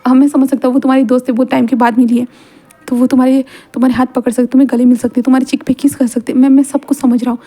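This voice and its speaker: A woman voicing a shy young man who stammers quietly, hurt and jealous. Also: high voice, little pitch movement, racing.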